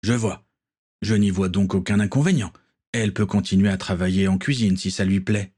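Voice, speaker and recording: A calm, commanding ship captain, as a male narrator gives him voice. The delivery stays measured and firm, close to the reader's own low register. A husky breathiness runs through it.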